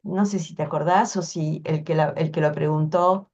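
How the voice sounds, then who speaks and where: A woman with a fairly low voice answers questions frankly. She thinks aloud and explains step by step. The video call audio sounds a bit muffled. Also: steady tone, normal speed, darkish tone. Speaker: workshop instructor answering questions. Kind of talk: casual online Q&A.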